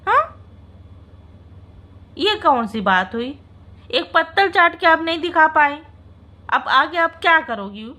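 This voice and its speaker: A woman's voice: high voice, sing-song, slow, pauses often, pushed and bright. A woman vlogger in a casual reaction video, teasing and mocking, often breaking into laughter and mock-dramatic wailing.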